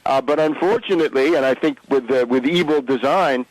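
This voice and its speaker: A man hosting a radio interview, speaking in a measured way with fillers. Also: medium pitch, dry recording, low-quality recording. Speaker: radio host.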